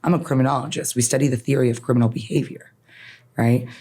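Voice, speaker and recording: Quick-paced and very deep, her voice is dark and slightly rough, with fairly even intonation. On a podcast, this Canadian-raised attorney, a native Farsi speaker, shares personal reflections earnestly and emphatically, tending to finish her points with "right?"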